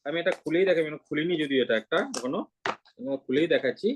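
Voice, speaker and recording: A host explaining products in a brisk, instructive, casual way. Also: medium pitch, slight background noise.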